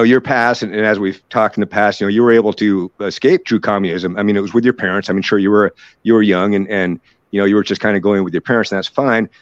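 A podcast host with a lowish voice chats casually with his guest, tossing out loose, conversational questions. The recording is dry, dull and lo-fi.

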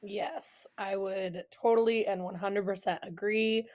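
A woman's voice: mid-range voice, steady tone, a little slow. A young adult woman from California hosting a podcast, chatting enthusiastically and agreeing readily with her guest. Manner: enthusiastic, agreeable, warm-hearted gushing. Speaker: podcast host. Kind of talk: casual podcast chat.

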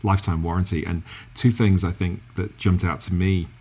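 An English man with a halting, filler-heavy way of talking, interviewing a guest in casual conversation. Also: deep voice, steady tone, mellow, slightly rough. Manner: halting, lots of restarts and fillers.

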